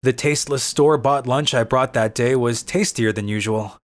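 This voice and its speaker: Lightly acted, a man with a medium-pitched voice narrates at a moderate pace as a weary, cynical young office worker in a first-person manga dub. He grumbles through his own story, dry and exasperated.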